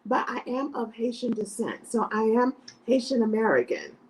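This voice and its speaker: A woman's voice: fairly high pitch, sing-song, normal speed, slight background noise, rough recording. A middle-aged woman from South Florida, an educator speaking as a podcast guest in an earnest, emphatic way, often adding "right?". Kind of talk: podcast interview.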